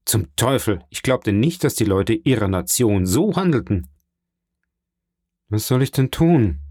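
A man's voice: fairly low pitch, expressive, a little slow, a little mellow, dry recording, studio quality. A man reading aloud and voicing a cunning, mocking schemer in a raised, sharper voice.

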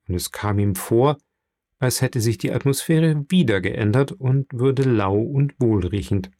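A man reading a classic novel aloud as narrator, steady and measured, close to the microphone. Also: mid-range voice, dry recording. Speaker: audiobook narrator. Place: coworking space.

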